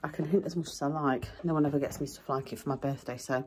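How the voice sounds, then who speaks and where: A middle-aged woman chats to her camera in a relaxed, rambling way, poking fun at herself as she goes. Her voice sits low and dark with a mellow tone. A faint background hiss runs under the home recording. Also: fast talker. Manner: chatty, rambling, self-deprecating. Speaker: vlogger. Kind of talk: casual chat to camera. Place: home and back garden.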